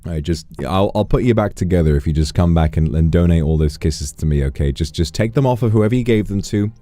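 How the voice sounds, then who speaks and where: A man's voice: low-pitched, fast, dark tone, no echo. A man chatting casually on a livestream, playful, effusive and affectionate as he talks to his viewers and reads out their messages. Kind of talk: casual livestream chat, thanking and reading out messages.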